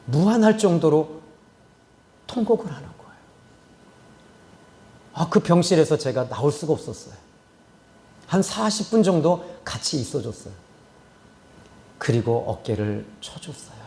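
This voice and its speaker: A middle-aged man preaches a sermon in a mellow, warm voice that rises and falls with lively animation. He tells his story in turns of loud exclamation and drops to near-whispers for the quoted words. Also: a little high, measured pace, long pauses. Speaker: pastor.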